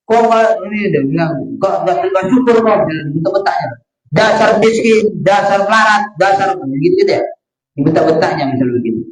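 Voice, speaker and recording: A man teaches a religious study lecture in a fairly high voice. He repeats points patiently, peppering them with "ya" and translating Arabic quotes. The sound is roomy and echoey. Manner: repetitive explaining with frequent "ya" fillers, quoting Arabic then translating. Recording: roomy echo.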